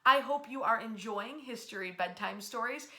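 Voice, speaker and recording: Hosting a history storytelling series, a woman with a fairly high, very bright voice talks to her online audience in a chatty, emphatic style. She stretches out key words and pauses for dramatic effect.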